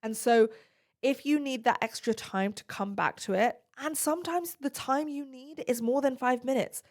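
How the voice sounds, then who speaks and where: A woman's voice: high-pitched, moderate pace. A woman hosting an advice podcast, answering listener questions in an earnest, direct and reassuring way.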